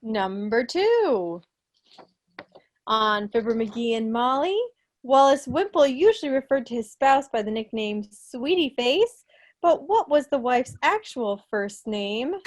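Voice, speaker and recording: A very animated American woman in her thirties hosts a video-call quiz from home over her computer mic, speaking slowly in a fairly high voice. As meeting host and quizmaster, she's casual and playful, like a mock schoolteacher.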